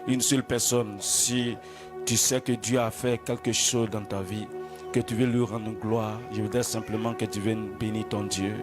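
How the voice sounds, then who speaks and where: Fervent male pastor over loud music. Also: fairly low pitch, level tone, moderate pace. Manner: exhorting, declamatory, slips into chanting. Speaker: pastor leading worship. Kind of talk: fervent sermon with sung praise. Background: loud church music.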